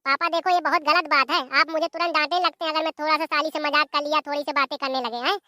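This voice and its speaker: A voice artist plays a young son-in-law in a comedy cartoon who keeps complaining that he is being insulted. The voice is very high and bright. The recording is close and dry. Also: level tone, quick pace, dry recording. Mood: aggrieved.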